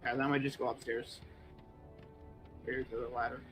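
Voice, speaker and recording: Faint music plays behind a man hosting a stream as he loosely explains a game to a friend. His medium-pitched voice moves at a moderate pace, relaxed and rambling, with plenty of filler words.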